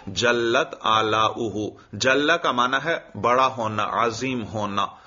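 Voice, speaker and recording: Male teacher, slow deliberate delivery, reads then explains, lo-fi recording. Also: medium pitch, sharp tone. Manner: reads a line of the text, then explains it and quizzes students. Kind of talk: classroom lecture explaining a text. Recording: dull lo-fi recording.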